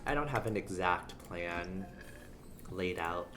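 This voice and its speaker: A livestreamer with a low, expressive voice chats casually and ramblingly to viewers while playing a game, speaking at a slow pace. Background noise sits under the voice, along with video game sounds.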